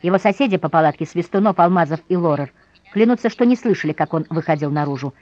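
A woman's voice: on the low side, fast talker, a little mellow, lo-fi sound, close to an everyday voice. A woman voicing a stern man, an army general who grumbles and presses hard. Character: stern, gruff male general.

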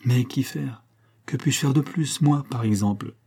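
A man's voice: mid-range voice, measured pace, warm tone, slightly rough. A man reading an audiobook, voicing a frank, curious young heiress with a slightly raised tone. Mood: questioning. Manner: frank, questioning.

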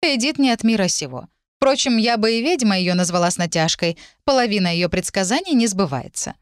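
A woman voicing a middle-aged mother who runs a bakery, brisk and protective, talking in a reassuring way. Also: mid-range voice, animated, no echo, studio quality, voice pushed up, close to an everyday voice.

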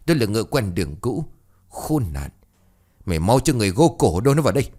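A furious old village chief from a spoken ghost story, voiced by a man. He barks and scolds in a low voice that swings up and down in pitch. He is domineering and harsh. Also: very animated, brisk, a little mellow. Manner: barking, scolding.

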